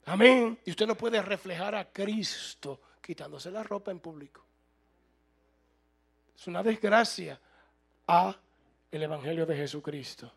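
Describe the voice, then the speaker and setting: High, gravelly-voiced preaching man. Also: unhurried, pauses often. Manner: preaching, rising to loud emphatic bursts, asks the room. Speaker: pastor. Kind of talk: sermon.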